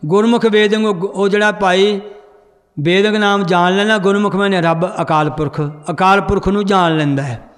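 A man's voice: high-pitched, fairly bright tone. Guy teaching scripture reading, asks the group stuff then answers it himself, long reverb like a hall. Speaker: Gurbani grammar teacher.

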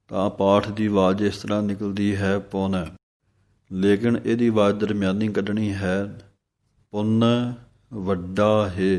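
A man teaching pronunciation of sacred verses, reciting them slowly and carefully word by word. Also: lowish voice, a little mellow. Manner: slow, careful, deliberate; draws out each word of the verses. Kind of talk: pronunciation lesson with slow chanted recitation.

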